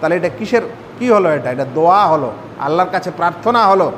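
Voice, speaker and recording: A man with a high voice teaches prayer step by step in a sermon-style lesson. He puts rhetorical questions to the congregation as he explains. His voice carries a long hall reverb over a faint low rumble. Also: animated, fast talker. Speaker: Islamic scholar teaching prayer.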